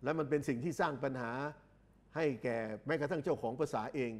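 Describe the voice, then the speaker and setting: A man lectures, explaining slowly, repeating phrases and drawing out each English word. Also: a little high. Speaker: English exam tutor. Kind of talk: recorded lecture.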